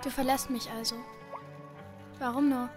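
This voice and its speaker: A woman's voice: high voice, fairly even intonation, normal speed, over music, close to an everyday voice. A woman playing a proud, fragile flower. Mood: hurt, tender. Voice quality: soft, hushed. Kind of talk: radio play acting.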